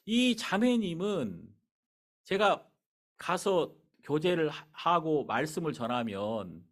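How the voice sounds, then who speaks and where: A middle-aged male pastor telling a personal story in a sermon, in an animated, conversational way. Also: on the high side, takes it slowly.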